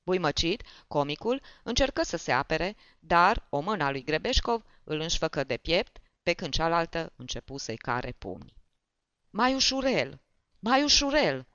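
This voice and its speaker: An audiobook narrator reading a story aloud in an expressive way. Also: mid-range voice, few pauses, smooth, no room sound. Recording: dull, dry.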